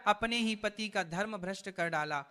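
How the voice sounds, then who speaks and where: A man's voice: high-pitched, moderate pace, sharp tone. A man voicing a stern, scolding mother-in-law in a devotional story, speaking harshly. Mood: angry scolding.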